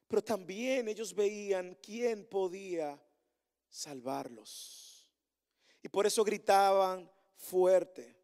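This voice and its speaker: In a church meeting hall before his congregation, a pastor preaches a sermon full of insistent repeated refrains and direct questions, moving between emphatic calls and soft, earnest asides. His voice sits high, and the recording carries a long hall reverb.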